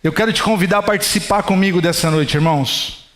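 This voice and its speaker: A pastor in his thirties preaches in a high, light voice. He talks to the congregation as if chatting with them, asking them questions along the way. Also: fast talker, a bit bright. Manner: conversational preaching, addresses the congregation directly. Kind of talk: sermon.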